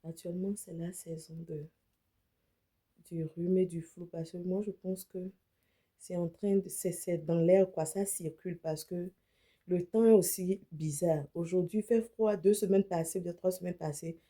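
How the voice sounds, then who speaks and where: Demonstrating a wig in a relaxed unboxing video, a woman with a slight cold drops English words into her chatter. She works as a beauty vlogger and image consultant, and her lowish, mellow voice keeps a steady tone at a moderate pace.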